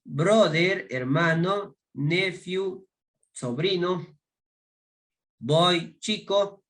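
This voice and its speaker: Male teacher with an Ecuadorian accent, higher voice, unhurried classroom delivery, names words and translates them. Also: fairly bright tone. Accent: Ecuadorian Spanish. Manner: slow, explaining in Spanish and modeling English words. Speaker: English teacher. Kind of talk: recorded online class.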